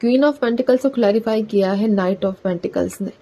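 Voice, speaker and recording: A woman talks her viewers through a collective tarot reading in a loose, chatty way, often tagging her sentences with "theek hai". Her voice is mellow and warm, pitched in a middle range. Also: a little fast, slight background noise, poor audio. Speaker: tarot reader.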